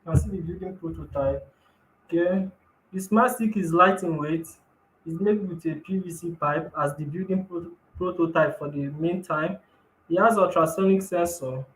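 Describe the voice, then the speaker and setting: A man on a bad video-call connection that keeps cutting out, explaining his invention in an apologetic, halting way. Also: fairly high pitch. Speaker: guest presenting an invention. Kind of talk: show-and-tell explanation on a call. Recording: echoey, choppy call audio.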